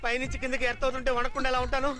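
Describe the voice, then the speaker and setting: A jittery bandaged wimp. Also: male voice, very high-pitched, monotone, very fast, bright, forceful tone, soft background music. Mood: nervous. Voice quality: whiny, pleading, comic panic. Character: timid bandaged man, jittery and whining. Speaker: comic lead in a film scene. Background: film background score.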